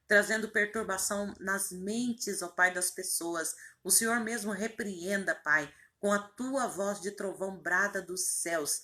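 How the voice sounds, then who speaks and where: A woman's voice: medium pitch, bright, forceful tone. A woman, a pastor leading a fervent spoken prayer with repeated invocations and rising emphatic phrases.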